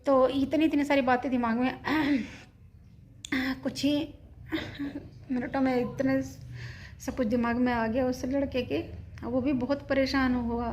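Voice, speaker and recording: Mom vlogger in her kitchen, kinda shaken and anxious, higher voice, pretty flat delivery. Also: unhurried, long pauses, slight background noise. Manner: shaken, retelling a scare at length, anxious. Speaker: vlogger, mother. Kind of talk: casual home vlog, talking to camera. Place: home kitchen, indoors.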